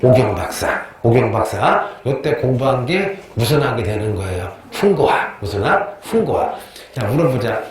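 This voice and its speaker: A man teaches a history class in a very echoey classroom with faint noise. He's chatty, asks questions and answers them himself, repeats key terms, and tells joking anecdotes. His medium-pitched voice is sing-song at a normal speed.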